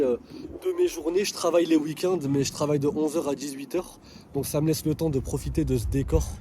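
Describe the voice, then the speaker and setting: Man from France, casual travel vlogger, chatty and relaxed, lots of filler, recorded outdoors with heavy street noise. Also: a little high. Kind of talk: casual travel vlog walkthrough. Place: outdoors in a city. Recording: loud street noise behind.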